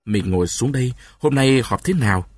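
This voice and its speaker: A man's voice: medium pitch, animated, brisk, no room sound, close to an everyday voice. A man playing a desperate, sorrowful peasant husband who speaks in an anguished, pleading way, in a storybook reading.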